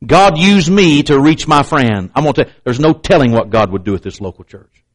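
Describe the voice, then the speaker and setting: A man gives an expressive, fairly quick sermon with emphatic, repetitive delivery and pointed asides to those in the pews. Now and then his slight stutter makes him clamp up on a word, and he acts out doubters in a raised pitch.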